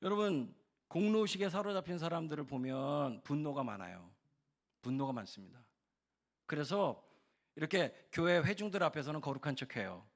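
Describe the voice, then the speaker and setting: A man preaching a sermon as pastor at a Wednesday prayer service, speaking emphatically to the congregation. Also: mid-range voice. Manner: emphatic, addresses congregation directly.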